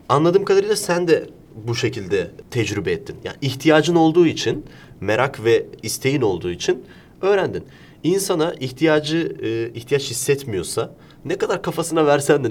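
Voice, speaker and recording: A man from Turkey hosting a casual interview, explaining things through examples and rhetorical questions. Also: mid-range voice. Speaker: interview host.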